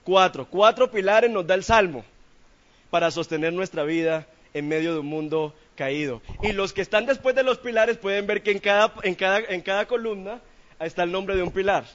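A man's voice: high voice, moderate pace, a bit bright, dull audio. A man preaching a sermon in church, asking the congregation questions in a playful, colloquial way.

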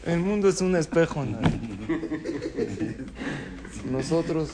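A man giving a sermon as a rabbi, animated storytelling that acts out the voices of people in his tales. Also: fairly high pitch, brisk, noisy background.

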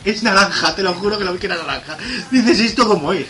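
A man's voice: high-pitched, quick pace, faint music behind. A man, chatting casually on a podcast and acting out film scenes with quoted voices. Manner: animated, acts out scenes with quoted voices and laughs.

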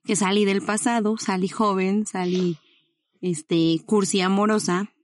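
A woman's voice: mid-range voice, steady tone, a little slow, dry recording. Giggly young woman telling a story. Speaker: podcast co-host. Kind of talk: casual podcast chat.

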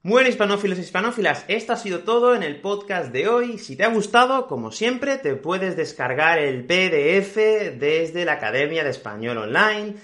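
A young man from Spain with a Spanish accent, hosting a Spanish lesson podcast, repeating key words slowly and checking in with learners. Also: high-pitched, sing-song, fairly bright tone, faint music behind. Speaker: Spanish teacher, podcast host. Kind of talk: slow, clear teaching podcast for learners.

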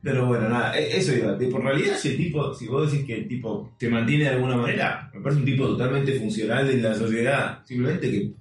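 A man's voice: mid-range voice, quick pace, hardly any pauses, recorded from a distance. A man with a Rioplatense Spanish accent, co-hosting a casual film chat, rambling with fillers and playful riffs. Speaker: podcast co-host. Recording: very echoey, off-mic, faint music.

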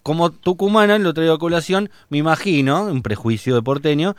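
A man with a porteño accent, hosting a casual chat, relaxed and joking, asking long questions. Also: fairly high pitch, fairly quick, smooth, dry recording, studio quality. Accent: porteño Argentine Spanish. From Buenos Aires. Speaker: host.

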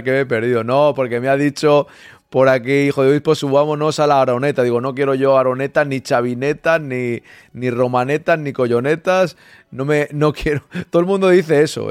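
A man's voice: on the high side, no room sound. A man hosting a live podcast stream, chatting and joking while reading viewers' messages aloud. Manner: jokey, chatty, reads chat messages aloud. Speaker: podcast host.

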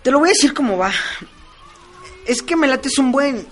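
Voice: sits high, expressive, moderate pace, a bit bright, soft background music. A sheepish teenage schoolboy in an educational radio drama, awkward and full of slang.

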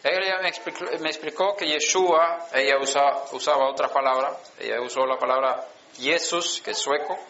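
Bright-voiced preacher in his sixties. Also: on the high side. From Sweden. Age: 60s. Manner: storytelling with slow, emphatic pauses. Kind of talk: sermon testimony. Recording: dull lo-fi conference recording.

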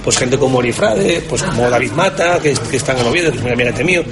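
Fast-talking Spanish man being interviewed. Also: mid-range voice, lively intonation, a loud crowd. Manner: emphatic, colloquial, rhetorical questions. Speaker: sports journalist being interviewed. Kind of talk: candid conversational interview.

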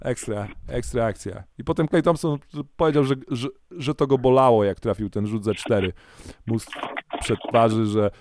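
A man co-hosting a podcast, chatting casually in an animated, rambling way and often correcting himself mid-sentence. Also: medium pitch, normal speed, no echo, clean studio sound. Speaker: podcast co-host. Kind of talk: casual chat.

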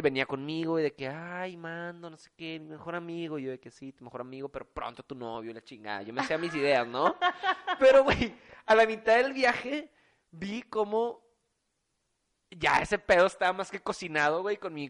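A young man with a Mexican accent telling a story in casual chat, slangy and profane, with a filler word in nearly every phrase. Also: a little high. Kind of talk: casual storytelling among friends.

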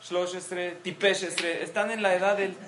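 A woman's voice: fairly low pitch, moderate pace, a crowd in the background. A middle-aged woman giving a parenting talk to a group of mothers, explaining points and acting out example quotes. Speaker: parenting class speaker.

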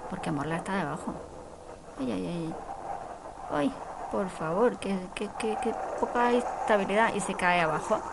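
A woman's voice: mid-range voice, lively intonation, moderate pace, gravelly, noisy background. A woman chatting through a film as she watches it, exclamatory, with whispered asides. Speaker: film reaction commentator. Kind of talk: casual commentary while watching a film.

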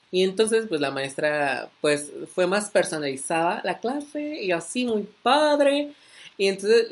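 Young Mexican guy, vlogger, loose rambling storyteller full of fillers. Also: on the high side. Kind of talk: casual storytelling.

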